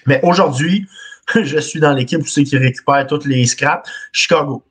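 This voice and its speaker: Man, thirties, Quebec French accent, husky, fairly high voice, quiz host, video call webcam. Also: normal speed. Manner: reads clues in first person, laughs often.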